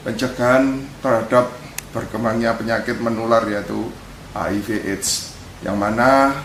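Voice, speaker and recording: A man gives a formal, halting interview answer as an official. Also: mid-range voice, a bit bright. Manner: halting, with many hesitations. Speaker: enforcement official. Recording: echoey, slight background noise.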